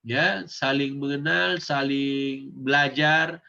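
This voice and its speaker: A man's voice: medium pitch, fairly even intonation, slow pace, creaky, sharp tone, muffled recording. A man teaching children, speaking casually and asking them questions that he then answers himself. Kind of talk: casual lesson for kids.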